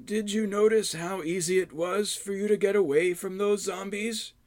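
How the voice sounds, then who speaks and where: A man voicing a gaunt old male hermit who chides slowly in a high, quavering voice. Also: steady tone, darkish tone, no room sound, lightly acted. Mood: chiding. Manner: slow, drawn-out, high quavering delivery. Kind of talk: audiobook character voice.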